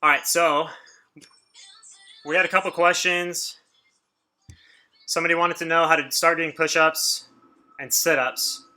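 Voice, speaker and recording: A man's voice: fairly high pitch, fairly even intonation, unhurried, pauses often, sharp tone, faint music behind. A man coaching a home workout on a casual livestream, chatting informally with viewers and giving instructions. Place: indoors at home.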